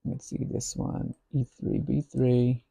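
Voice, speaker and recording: Guy working through code out loud, slow and murmury, very dark husky voice. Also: medium pitch, little pitch movement, no echo. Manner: slow, musing, half to himself. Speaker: software developer. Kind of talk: thinking aloud while coding.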